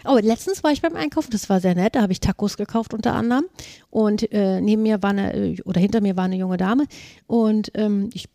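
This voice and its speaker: A woman host chatting on a podcast, rattling off everyday anecdotes with plenty of animation. Her voice sits at a middling pitch and is recorded close and dry, with no room sound around it. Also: a little fast, mellow, no room sound. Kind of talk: casual chat.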